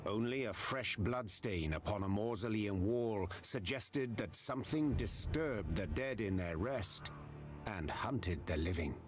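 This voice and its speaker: A man narrating a dark fantasy video game as a grave storyteller, in a measured, literary manner. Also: lowish voice, animated, slight background noise. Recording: clear music under the voice.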